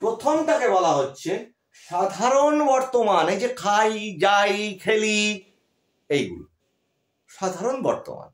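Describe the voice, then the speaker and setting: A man's voice: high-pitched, big pitch swings, measured pace. A man with a West Bengal Bengali accent teaching a grammar lesson, patiently repeating key words and often checking that students follow. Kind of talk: classroom-style grammar lesson. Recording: echoey room.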